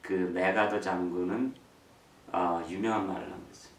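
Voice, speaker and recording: A middle-aged man giving a church talk on raising children, telling lively stories, acting out quotes and mixing in English phrases. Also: low voice, normal speed. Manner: lively storytelling, acts out quotes. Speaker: speaker on parenting. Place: church hall. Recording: roomy echo from far mic, faint ambience.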